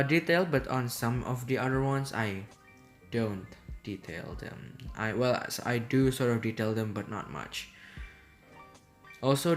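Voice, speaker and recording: Speaking at a medium pitch, this relaxed game commentator is from Indonesia and has Indonesian as his first language. He does casual gameplay commentary at home, rambling and hesitant in an easygoing manner.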